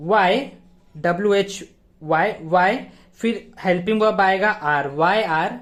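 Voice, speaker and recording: A man's voice: high-pitched, a bit bright. Male tutor at a board, casual explainer who keeps checking the viewer follows and spells words out letter by letter. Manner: keeps checking in with the viewer and asks himself rhetorical questions. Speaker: English grammar teacher. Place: teaching at a board he writes on.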